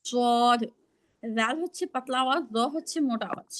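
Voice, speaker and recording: A woman's voice: sits high, fast, fairly bright tone. A woman teaching pronunciation in an online class, patiently explaining and modeling each sound over a video call.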